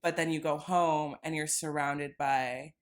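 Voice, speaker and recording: Low-voiced woman chatting casually. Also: fairly even intonation, a little slow. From Los Angeles. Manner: rambling, heavy use of "like". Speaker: podcast co-host. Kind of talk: casual chat.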